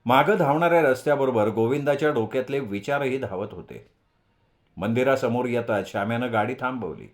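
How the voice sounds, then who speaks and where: A man's voice: medium pitch, a little fast. Man reading a novel aloud. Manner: steady storytelling. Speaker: audiobook narrator. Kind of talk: scripted narration.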